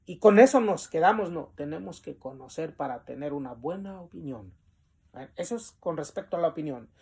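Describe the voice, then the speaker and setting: A man teaching a Bible lesson, reading definitions from the text and explaining them with pauses and the filler "este". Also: fairly high pitch, lively intonation, creaky, darkish tone, breathy edge.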